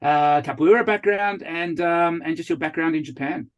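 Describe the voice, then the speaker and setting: Guy hosting a podcast, a bit high voice, lots of ums and uhs when he asks stuff. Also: moderate pace. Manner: hesitant, with many fillers. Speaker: podcast host. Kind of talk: casual interview questions.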